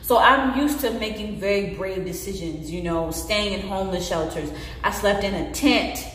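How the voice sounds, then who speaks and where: A woman's voice: medium pitch, normal speed, slight background noise. Earnest woman in a very echoey room. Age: late 20s. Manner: earnest, expressive, gestures with hands while talking. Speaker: vlogger. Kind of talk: candid personal vlog talk. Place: bare indoor room. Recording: very echoey room with long reverb.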